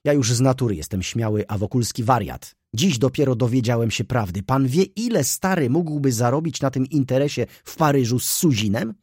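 A man voicing an excitable, pushy young male shop clerk in an audiobook, talking in a breathless, indignant way. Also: medium pitch, a little fast, hardly any pauses, breathy edge, no room sound, clean studio sound, pitched above the performer's own voice.

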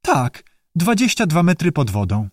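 A man's voice: fairly high pitch, big pitch swings, a little slow, no room sound, clean studio sound, pitched above the performer's own voice. A man voicing a courteous, bookish male newt who speaks earnestly and formally in an audiobook. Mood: polite, earnest. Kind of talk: audiobook character voice.

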